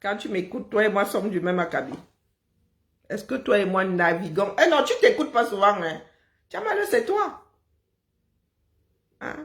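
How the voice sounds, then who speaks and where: A woman's voice: mid-range voice, lively intonation, moderate pace. A woman in a heated online argument, mocking and taunting her opponent. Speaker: live stream participant.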